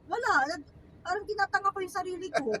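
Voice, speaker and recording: A Filipina woman telling a story in casual chat, animated and quoting people. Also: very high voice, fast. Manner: animated storytelling with acted quotes. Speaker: storyteller recounting a theft. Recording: distant mic with loud road noise.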